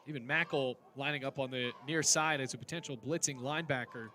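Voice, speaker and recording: A man's voice: medium pitch, a little fast, pushed and bright, slight background noise. A man calling live football play-by-play in clipped, descriptive phrases. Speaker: play-by-play commentator.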